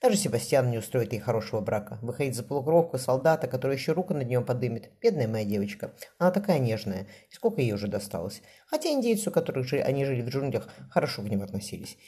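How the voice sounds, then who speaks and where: A man's voice: medium pitch, sing-song, fast, few pauses, warm tone, husky. A man voicing a worried, passionate mother in an audiobook, his delivery heightened and emotional. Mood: anxious.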